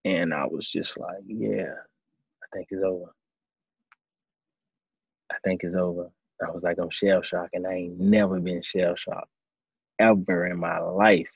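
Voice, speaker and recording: Man, 30s, very low voice, relaxed storyteller, dry dull-sounding recording. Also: unhurried, creaky, pauses often, husky, no echo. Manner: relaxed storytelling, acts out his own past thoughts. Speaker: former quarterback turned coach. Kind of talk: casual interview answers.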